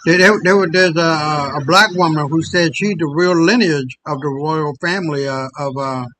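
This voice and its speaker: A man's voice: a little high, normal speed, sharp tone, slight background noise, rough recording. A man hosting a podcast in casual chat, blunt and profane, often stumbling over repeated words. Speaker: podcast host.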